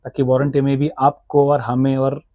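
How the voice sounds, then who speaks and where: A man with an Indian accent works as a seller in a motorcycle gear shop, explaining products in detail and switching conversationally between Hindi and English. His medium-pitched voice is mellow and monotone at a moderate pace, in a dry recording.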